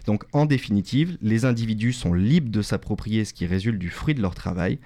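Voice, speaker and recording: A radio columnist gives a prepared talk on economic history, lecturing and correcting himself with small jokes. His voice is lowish and dark in tone, animated, and moderately paced.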